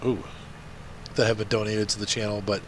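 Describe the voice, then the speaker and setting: A congested man with a lowish, nasal voice rambles casually as a video host commenting on gameplay. His delivery is flat and brisk, and there's slight background noise.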